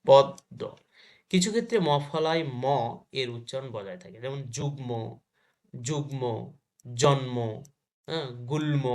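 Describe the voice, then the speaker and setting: A man teaching a grammar lesson to school students. He asks questions and answers them himself, and he repeats each example word slowly. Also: mid-range voice.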